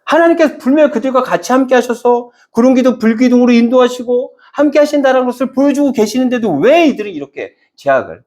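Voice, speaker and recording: A man's voice: extremely high pitch, fairly even intonation, fast talker, hardly any pauses, darkish tone. A male pastor preaching a Sunday sermon, asking the congregation questions and answering them himself, and acting out quoted speech. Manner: acts out quoted speech in dramatic voices.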